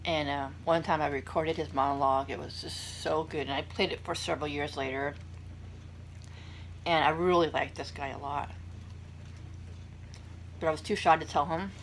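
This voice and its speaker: A woman's voice: low-pitched, steady tone, normal speed, long pauses. A young adult woman chatting casually to viewers while she eats, rambling through anecdotes with self-deprecating asides. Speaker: vlogger hosting a mukbang. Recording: clear background room noise.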